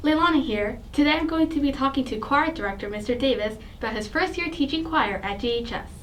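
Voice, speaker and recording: Teen girl anchor reading school announcements, high quick voice, faint music. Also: lively intonation, a little hiss or hum. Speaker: student anchor and reporter. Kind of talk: scripted announcements.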